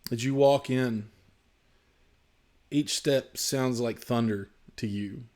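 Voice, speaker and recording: A man narrating as game master of a tabletop role-playing game, descriptive and unhurried, with frequent fillers. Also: mid-range voice, darkish tone.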